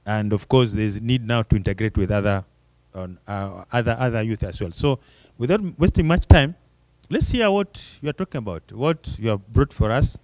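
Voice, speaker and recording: A man's voice: fairly low pitch, expressive, moderate pace, darkish tone, no room sound. A man moderating an event session in an informal, conversational and encouraging way.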